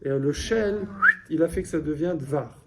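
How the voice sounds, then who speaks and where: A man's voice: fairly high pitch, normal speed, very noisy. A man teaching a classroom lesson, patiently explaining step by step and quizzing his students. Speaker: Hebrew teacher.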